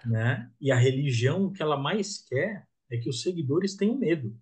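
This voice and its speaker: A man with a slightly high, expressive voice speaks at a moderate pace, his tone darkish and a little rough. He is a guest on a casual podcast, talking reflectively and often closing his thoughts with the questioning tag "né?".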